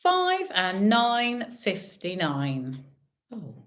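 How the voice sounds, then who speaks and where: Slow-paced woman calling bingo numbers. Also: mid-range voice, wildly swooping pitch, a bit bright. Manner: calls numbers digit by digit with drawn-out pauses. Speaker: bingo caller and host. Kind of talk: bingo calling with casual chatty asides to players.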